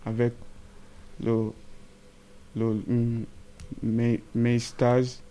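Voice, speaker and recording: Teen male, from Guinea, Fula native, hesitant, repeats words, monotone. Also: mid-range voice. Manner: halting, searching for words, repeats himself. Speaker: student guest. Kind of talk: school radio interview.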